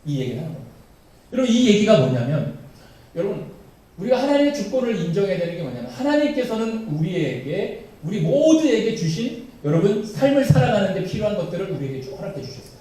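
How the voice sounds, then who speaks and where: A man's voice: sits high, very animated, fast, dark tone. A male pastor preaching a sermon, animatedly addressing his congregation. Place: church sanctuary. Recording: very echoey church hall, voice from far off.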